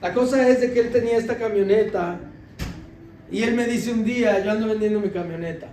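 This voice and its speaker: A high-voiced man preaches as a deacon, telling a story with animation and laughter. He drops his voice low to quote others. He is heard from far off in an echoey church hall with faint ambient noise. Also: a little fast, warm tone. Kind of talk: sermon testimony.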